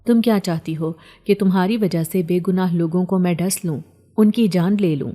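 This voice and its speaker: A woman's voice: fairly low pitch, dark tone, lightly acted. A woman voicing a vengeful, possessive male serpent who takes human form, read in a storybook style. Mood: menacing. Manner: menacing, possessive and coaxing. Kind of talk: storybook narration.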